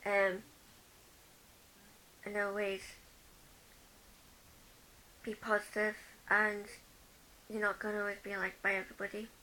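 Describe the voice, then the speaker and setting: A woman's voice: medium pitch, monotone, measured pace, pauses often, bright, forceful tone, rough recording. A young woman from the UK vlogging a tag video, chatting as she reads each question aloud and answers it with personal stories.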